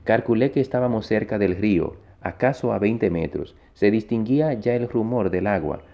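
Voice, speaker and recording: A man's voice: on the low side, vocal fry, mellow. A man reading a short story aloud in first person, stumbling and restarting words as he goes. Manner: halting read-aloud with frequent restarts. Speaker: reader.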